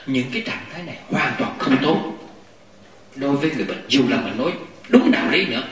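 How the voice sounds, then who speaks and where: A man giving a Buddhist dharma talk to a gathering, animated, often laughing and acting out what people say. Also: medium pitch, fast talker, a crowd in the background. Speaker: Buddhist lay teacher. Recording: echoey hall, mic far off.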